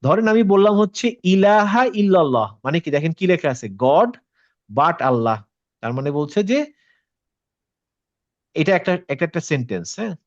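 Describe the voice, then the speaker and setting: Male tajweed teacher, slightly raised pitch, patient and questioning, dull dry lo-fi sound. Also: sing-song, normal speed, long pauses, no echo. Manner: patient, checks with students by asking questions; mixes English words into his talk. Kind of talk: interactive class explanation.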